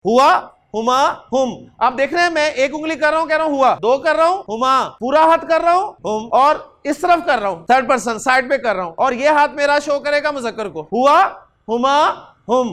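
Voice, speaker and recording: A man with a Pakistani Urdu accent teaching Arabic grammar, slowly spelling out word forms in a classroom lecture. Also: extremely high pitch, a bit bright. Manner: slow, drawn-out recitation of word forms.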